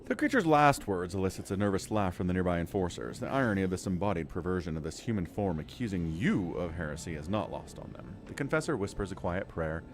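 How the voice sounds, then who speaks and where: Low-voiced, expressive male gamer. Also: fast talker, hardly any pauses, a little hiss or hum. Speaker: video game player and commentator. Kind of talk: casual commentary and dramatic reading of game text. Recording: clear game music behind voice.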